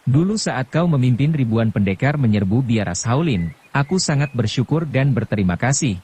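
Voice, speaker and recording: A man voicing a shy, gentle young woman speaking softly to her sweetheart in an audiobook. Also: medium pitch, animated, moderate pace, slightly rough. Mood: tender. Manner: soft, gentle questions. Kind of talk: audiobook narration.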